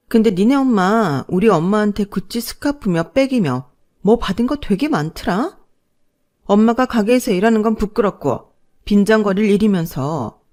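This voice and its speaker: A woman's voice: medium pitch, darkish tone, voice pushed up. A woman voicing a furious adult daughter who scolds sharply and indignantly.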